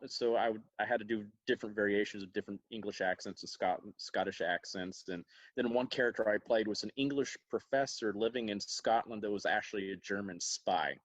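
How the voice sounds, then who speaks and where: A man chats casually, telling lively stories with frequent laughter and acted-out quotes. His audio sounds dull and lo-fi, with a dry, close feel and no room around it. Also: lowish voice, no echo. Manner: animated storyteller, laughs often, acts out quotes. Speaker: actor.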